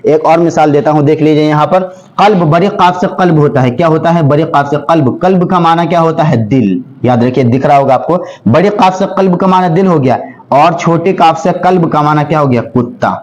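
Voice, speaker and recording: A man's voice: on the high side, darkish tone. A man teaching grammar for an exam. He asks questions and answers them himself, repeating key words with emphasis. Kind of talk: classroom-style exam lesson. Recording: slightly dull lo-fi recording.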